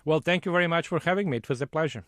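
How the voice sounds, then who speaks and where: A man giving explanatory interview answers as an expert guest, somewhat haltingly, repeating words. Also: a little high, a bit bright, no room sound, clean studio sound. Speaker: economist and author interviewed.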